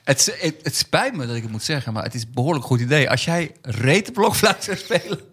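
A man with a slightly husky voice co-hosts a comedy podcast in easygoing banter. His pitch swings around a lot as he jokes along, and he stumbles and restarts mid-sentence. The chat stays loose and playful. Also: a little fast. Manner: lively, laughing, stumbles over words.

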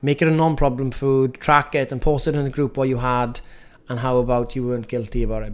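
A man, teaching a coaching lesson on food in a direct, emphatic way and often checking with "right?". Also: mid-range voice. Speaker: nutrition coach.

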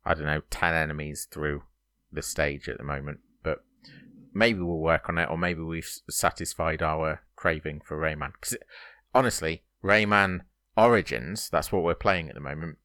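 A man's voice: a bass voice, fairly even intonation, moderate pace, sharp tone, dry recording, studio quality. A man co-hosting a podcast in casual chat, teasing his co-host with playful banter.

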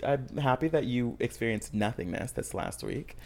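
A woman in her twenties co-hosts a podcast of casual comedic chat, brash and swearing a lot, going dramatic and squealy for laughs. Her bass voice is expressive and darkish, at a moderate pace.

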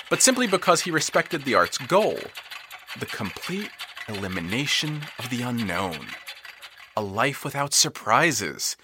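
A man with a medium-pitched voice narrates an audio drama, delivering scripted, expressive storytelling. He builds tension, then drops into hushed tones, with background noise present.

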